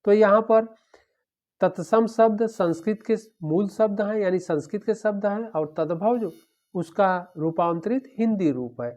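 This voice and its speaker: A man teaching an exam-prep lecture, drilling through word pairs one after another in a steady, repetitive way. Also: high voice, measured pace. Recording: dull lo-fi recording.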